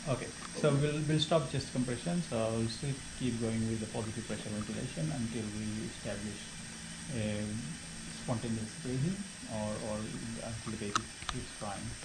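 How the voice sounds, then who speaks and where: A man leading a simulated newborn resuscitation, giving instructions and counting compressions aloud in a steady rhythm. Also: medium pitch, moderate pace, very noisy.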